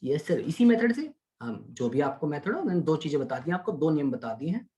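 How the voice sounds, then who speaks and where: A man's voice: fairly high pitch, very animated, brisk, mellow, lo-fi sound. Chatty male maths teacher. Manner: chatty, asks questions and answers them for his students; coaxing, calls students "beta". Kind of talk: online maths lecture.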